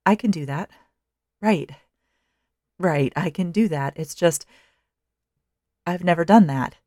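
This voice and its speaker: A woman's voice: lowish voice, takes it slowly, mellow, no echo, clean studio sound. A woman voicing a flustered female guardian angel who stammers nervously. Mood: uneasy.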